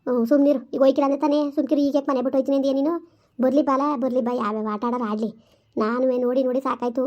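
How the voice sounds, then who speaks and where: A weary village mother, as a woman plays her hushing and pleading in a high, flat voice. She talks at a breakneck pace, and the sound is dull and lo-fi. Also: very fast, close to an everyday voice. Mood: soothing. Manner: pleading, hushing, complaining of her own hardship. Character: weary rural mother calming her angry daughter. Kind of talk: village family comedy skit. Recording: dull lo-fi audio.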